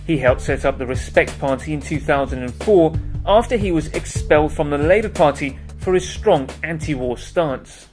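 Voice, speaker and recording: A man's voice: fairly high pitch, normal speed, hardly any pauses, darkish tone, soft background music. A man hosting an interview, reading a formal introduction and putting questions to his guest. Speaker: interviewer host.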